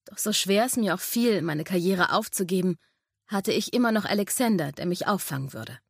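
A woman reading a first-person audiobook in a calm, intimate storytelling manner. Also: mid-range voice, normal speed, gravelly, husky, dry recording, clean studio sound. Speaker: audiobook narrator.

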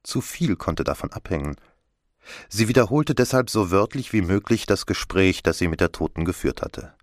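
A male audiobook narrator reading in a calm, even storytelling voice. His voice sits low, and the close recording is dry with no room sound. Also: normal speed, no echo. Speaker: audiobook reader. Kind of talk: scripted narration.

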